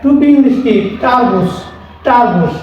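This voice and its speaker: A man's voice: very high voice, lively intonation, a little slow, dull audio. A man teaching English vocabulary, spelling each word letter by letter and asking and answering his own questions. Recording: very echoey room, faint noise.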